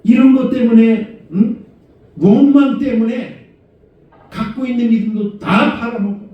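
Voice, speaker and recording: A middle-aged man preaching a conversational sermon as senior pastor, asking rhetorical questions and moving between low murmurs and raised exhortation. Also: fairly even intonation, measured pace. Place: church sanctuary. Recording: echoey church hall, far from mic, dull sound.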